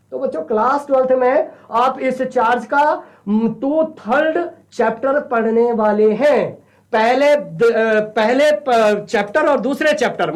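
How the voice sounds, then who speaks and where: Man lecturing physics, quizzing his class. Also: extremely high pitch. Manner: asks questions and answers them himself, calls students "children". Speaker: physics teacher. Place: virtual classroom studio. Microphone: studio mic.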